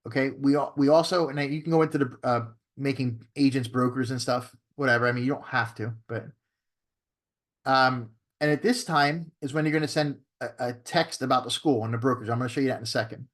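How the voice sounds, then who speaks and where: A man's voice: medium pitch, a little fast. A man teaching a real estate training class, talking casually and often checking in with his listeners. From Florida. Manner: conversational, repeats "okay?" and "right?" to check in; acts out phone scripts in a shifted tone.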